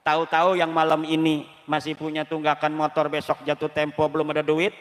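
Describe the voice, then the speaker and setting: A preacher from Banten giving a lively sermon at an Islamic boarding school gathering, firing rhetorical questions at his audience. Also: a little high, a little fast. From Banten, Indonesia. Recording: long hall reverb.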